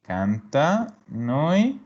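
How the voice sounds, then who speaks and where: A man's voice: on the high side, huge pitch swings, drawn-out words, a little mellow. A man teaching a grammar class, explaining step by step and patiently repeating his students' answers. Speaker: Italian teacher. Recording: dull lo-fi recording.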